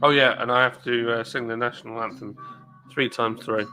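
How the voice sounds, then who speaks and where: A man's voice: medium pitch, steady tone, normal speed, over music. A man hosting a casual late-night live stream, chatting away in a rambling manner and reading viewer comments aloud.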